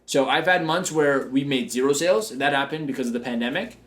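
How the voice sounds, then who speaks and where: This business coach and show host gives motivational coaching talk with confidence, upbeat energy and humor. His medium-pitched voice moves fast with lively intonation.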